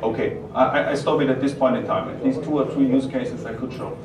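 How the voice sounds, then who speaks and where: German guy w strong accent doing a product q&a, halting, far from mic, noisy room. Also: mid-range voice, fairly even intonation, echoey room. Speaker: company presenter taking audience questions. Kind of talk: live product presentation and Q&A. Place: roomy event venue.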